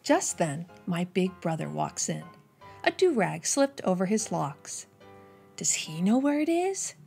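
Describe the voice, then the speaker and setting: Faint music plays as a young woman hosting children's storytime reads a picture book in a lowish, creaky voice. She reads expressively and deliberately, keeping it animated for her young audience.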